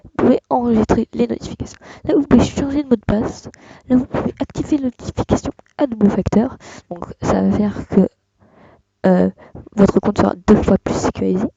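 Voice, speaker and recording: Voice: medium pitch, steady tone, a little fast, creaky, dark tone, husky, dry recording, dull audio. A young speaker giving a casual screen-recorded tutorial, hesitant and full of fillers. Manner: hesitant, many fillers and restarts. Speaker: tutorial host.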